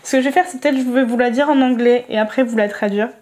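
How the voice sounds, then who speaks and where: A young woman talking casually about books and reading quotes aloud slowly, hesitating often with fillers. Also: a little high, a little mellow. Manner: hesitant, many fillers, reads slowly and carefully. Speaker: book vlogger.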